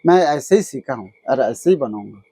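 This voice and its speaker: A man's voice: mid-range voice, animated, normal speed, mellow, breathy edge, dry recording. A man who runs an idol workshop, speaking with a Chhattisgarh accent in an earnest, insistent way and often repeating himself. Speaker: idol maker and shop owner. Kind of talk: casual interview.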